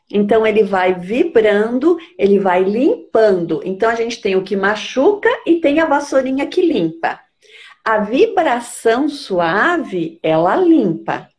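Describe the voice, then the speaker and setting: A woman's voice: mid-range voice, darkish tone. Brazilian woman speech therapist, patient teacher vibe, keeps asking if you got it. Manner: patient, didactic, checks understanding with "tá?". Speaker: speech therapist answering questions. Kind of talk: explanatory health talk.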